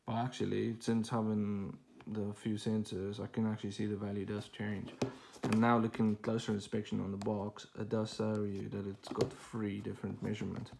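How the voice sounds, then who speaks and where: A man's voice: lowish voice, completely flat delivery, moderate pace, creaky, background noise. A man casually talking through an unboxing at home, rambling with fillers and restarts as he films on a phone held in one hand. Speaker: tech channel host.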